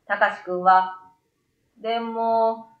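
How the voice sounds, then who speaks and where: Reading a children's story expressively in the manner of a storyteller, this middle-aged woman has a higher voice with fairly even intonation and takes her time. The setting is a small, bright room indoors, where a desktop condenser microphone sits to one side, giving a roomy, slightly dull recording.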